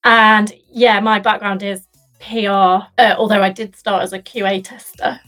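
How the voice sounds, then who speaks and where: A woman's voice: medium pitch, little pitch movement, moderate pace, a bit bright, faint music behind, poor audio. Chatty woman on a podcast panel. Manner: chatty, self-deprecating. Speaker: guest, PR professional.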